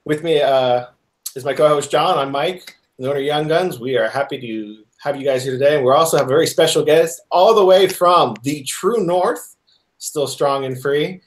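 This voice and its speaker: A man's voice: fairly high pitch, moderate pace, low-quality recording. A man hosting a casual podcast, teasing his guest and laughing often. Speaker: podcast host. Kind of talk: casual joking podcast chat.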